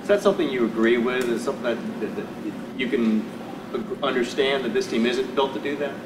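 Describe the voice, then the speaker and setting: A man's voice: mid-range voice, fairly quick, roomy sound, far from the mic, background noise. A male reporter asking questions at a press conference, stumbling and restarting his phrasing. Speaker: sports reporter. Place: indoor press room.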